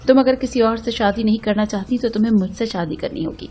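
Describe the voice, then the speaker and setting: A woman voicing a calm, sorrowful wealthy young man in a spoken story, reading his lines in a quiet, steady, unhurried way. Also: on the high side, slightly rough.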